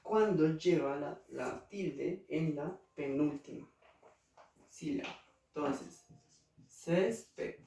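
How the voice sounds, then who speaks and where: A male teacher with a Colombian Spanish accent and a gravelly, dark voice on the high side slowly explains spelling rules to children, patiently repeating each example word. The recording sounds roomy, with a distant mic and faint noise.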